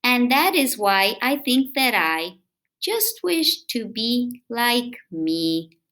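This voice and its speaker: Taking her time in a fairly high voice, a woman expressively reads a picture book to young kids, drawing out words and sprinkling in chatty questions for them.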